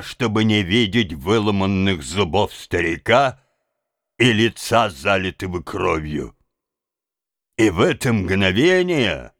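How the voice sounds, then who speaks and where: A man's voice: mid-range voice, fairly bright tone, no echo. A man narrating a story as an audiobook, with dramatic, rising and falling emphasis, on a close microphone.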